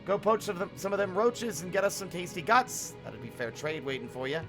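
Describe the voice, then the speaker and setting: A man voicing a gruff, rustic male bug villager in a video game, talking in a blunt folksy dialect. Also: high-pitched, a little fast, pitched above the performer's own voice. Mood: grumbling. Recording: game music behind.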